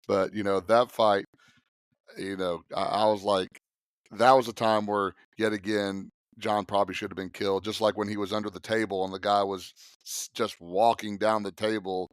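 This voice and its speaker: A man co-hosting a casual movie podcast, chatty and relaxed, with a slight cough. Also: fairly low pitch, normal speed, clear, resonant tone, dry recording, clean studio sound. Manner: relaxed, chatty, acts out lines in quotes. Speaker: podcast co-host.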